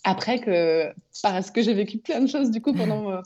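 Slightly muffled woman guest, medium pitch, hesitant phrasing. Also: animated, moderate pace, warm tone. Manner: hesitant, repeats words while thinking. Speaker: podcast guest, naturopath and coach. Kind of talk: casual interview. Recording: slightly dull, lo-fi sound.

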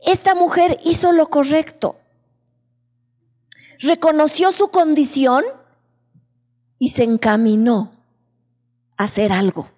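Slow high-voiced woman preaching in a hall. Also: darkish tone. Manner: slow, questioning the congregation. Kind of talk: sermon. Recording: long echo of a large hall.

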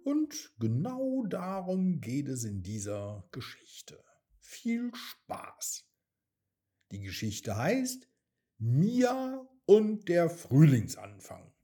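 A man narrating a children's story in a gentle storytelling manner. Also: on the high side, wildly swooping pitch, drawn-out words. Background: soft background music.

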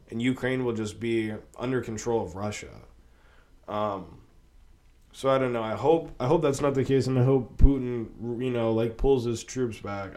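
A sniffling man with a cold hosts his own podcast, rambling casually on his own with plenty of fillers and profanity. His mid-range voice is a little mellow.

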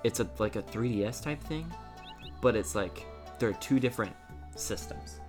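Fairly low in pitch and moderately paced, this man co-hosts a gaming podcast. Game music plays behind him as he rambles casually, using lots of fillers while he searches for things.

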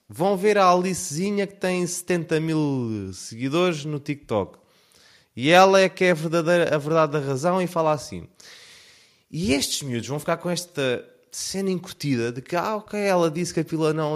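A young man with a European Portuguese accent, ranting in a casual, animated vlog monologue full of filler words. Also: fairly high pitch. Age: young adult. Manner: animated, heavy use of fillers like "pá". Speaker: vlogger.

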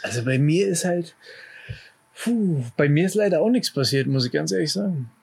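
A man with a lilt co-hosts a loose, joking podcast chat. His voice sits a little high, with a gravelly fry and a husky edge. He talks crudely and easily, full of fillers. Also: expressive, normal speed, a little mellow. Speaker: podcast co-host. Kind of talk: casual podcast banter.

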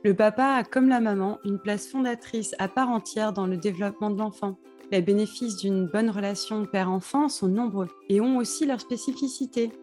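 A woman hosting a podcast interview, reading a measured scripted introduction and asking questions. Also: medium pitch, mellow. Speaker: podcast host.

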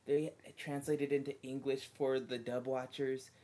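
A man doing a nervous, nerdy young guy's voice, halting and full of ums. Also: medium pitch, level tone, mellow, voice pushed up, close to an everyday voice. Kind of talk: casual chat.

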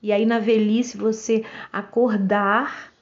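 A woman's voice: mid-range voice, flat delivery, slow, highs cut off. A Brazilian woman in her forties, speaking outspokenly and directly in a casual monologue to camera. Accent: Brazilian Portuguese. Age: 40s. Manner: outspoken and direct, acts out quoted voices. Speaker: vlogger.

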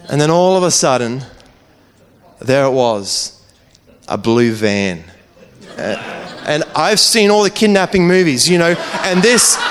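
A man's voice: a little high, clear, resonant tone. A man, a preacher telling a personal testimony in an earnest, conversational way, often restarting his phrases.

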